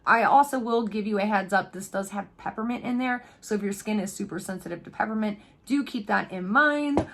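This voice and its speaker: Woman vlogger, chatty unboxing talk, laughs a lot, mid pitch. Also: a little fast. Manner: chatty, laughs often, muses aloud. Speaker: beauty vlogger. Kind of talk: casual unboxing chat.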